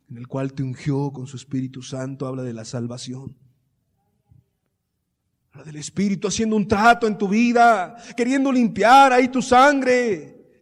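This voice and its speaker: A man with a Colombian Spanish accent preaches a sermon in a notably high voice. He shifts between soft, hushed teaching and loud, impassioned passages. He keeps pressing his listeners with rhetorical questions. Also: big-room sound. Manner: repeats rhetorical questions to the congregation.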